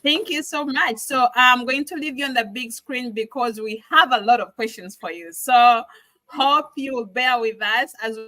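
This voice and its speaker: A woman's voice: a little high, normal speed, sharp tone, no room sound, rough recording. A woman, hosting an online business livestream in an upbeat, welcoming way. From Uganda. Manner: upbeat, welcoming, lots of thank-yous. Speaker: host.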